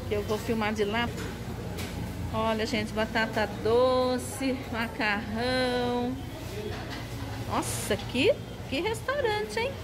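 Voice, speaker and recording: A woman's voice: on the high side, expressive, slow pace, long pauses, noisy background. A woman vlogging as she walks through a large restaurant, filming with a handheld phone and talking chattily and enthusiastically to her viewers. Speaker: travel and food vlogger. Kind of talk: casual vlog walkthrough. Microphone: handheld phone camera.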